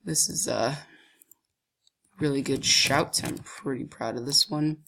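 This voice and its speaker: Talking slowly in a mid-range voice that's gravelly, bright and forceful, a young man with a cold sounds stuffy and deeper than usual. He hosts a gaming channel, giggling mischievously and frequently laughing as he clicks around a screen-recorded game and thinks aloud in casual commentary, with slight background noise.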